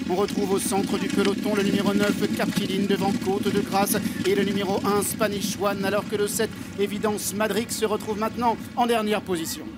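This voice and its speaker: Male race caller, high level pitch. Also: heavy background noise. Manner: race-calling delivery, long chained sentences tracking each runner. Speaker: horse race commentator. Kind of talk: live race caller commentary on a steeplechase.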